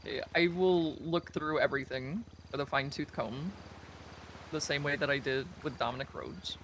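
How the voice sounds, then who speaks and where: Man, fairly high, bright voice, in-character roleplay, officer, hedging, filler-heavy. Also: moderate pace, slight background noise. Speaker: law enforcement officer in a roleplay.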